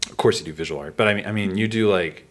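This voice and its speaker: A man from northwestern Ontario hosts a casual interview in a very deep voice. He rambles, restarts his sentences and leans on fillers as he feels his way through a question. His low register and loose, halting delivery give an easygoing chat. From Northwestern Ontario, Canada. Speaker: podcast host.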